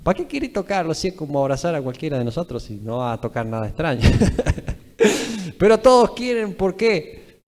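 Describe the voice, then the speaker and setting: A man's voice: a little high, a little mellow. A young man with an Argentine accent preaching emphatically at a live church service, often tagging his phrases with a questioning "eh". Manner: emphatic, repetitive, tags phrases with "¿eh?". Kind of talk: live sermon. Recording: reverberant church hall.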